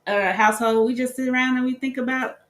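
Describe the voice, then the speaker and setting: A woman's voice: high-pitched, steady tone, fast talker. A woman co-hosting a casual livestream, talking easily and backing up her partner. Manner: easygoing, backs up the host. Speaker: podcast co-host. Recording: roomy sound.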